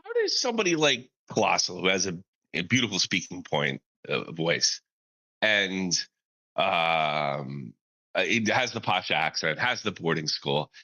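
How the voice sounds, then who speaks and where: American man, low pitch, very lively intonation, brash rambling casual talk, sweary. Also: unhurried, low-quality recording. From United States. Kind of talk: casual chat.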